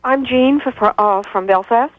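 A woman's voice: fairly high pitch, moderate pace, no room sound. A woman in her sixties calling in to a radio show over a clipped telephone line, insistent and lecturing, with frequent hesitations. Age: 60s. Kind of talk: call-in radio talk.

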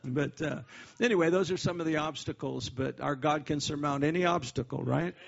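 A man preaching at a church service, his voice gravelly and husky. He talks in a folksy, joking way, dropping amens and praise Gods between points. The recording is dull and lo-fi. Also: a little high, fairly quick. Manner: folksy, joking, peppered with "amen" and "praise God". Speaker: missionary preacher. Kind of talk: sermon.

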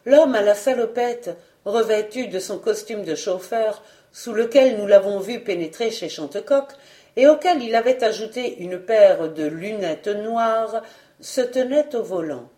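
A woman's voice: mid-range voice, a little slow, dark tone. A woman reading a novel aloud as an audiobook narrator, with dramatic storytelling. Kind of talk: scripted narration.

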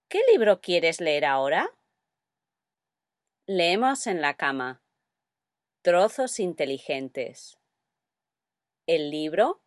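A woman speaks to toddlers in a very slow, gentle, sing-song lesson. Her voice sits a little low but swoops up and down a lot. She is recorded close and dry, with no room sound. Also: no room sound. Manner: gentle and soothing, with simple repeated phrases. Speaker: early-learning teacher for toddlers. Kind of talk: slow, sing-song teaching for small children.

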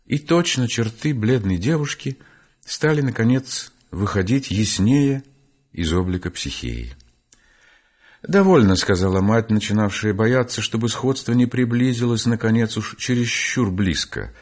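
A man narrating an audiobook of classic literature in a measured, unhurried storytelling manner. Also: fairly low pitch, lively intonation.

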